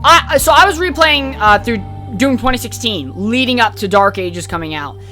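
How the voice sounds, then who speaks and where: A woman's voice: fairly high pitch, animated, moderate pace, pushed and bright, faint music behind. Rambling, candid woman podcaster. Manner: rambling and candid, frequent fillers and swearing. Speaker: podcast host reviewing a video game. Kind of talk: casual opinionated review.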